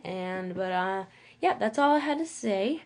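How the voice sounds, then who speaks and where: Female tutorial presenter, medium pitch, lisp with whistly s, informal and halting, mildly self-conscious. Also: lively intonation, a little mellow. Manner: halting, self-conscious, checks in with "okay, cool".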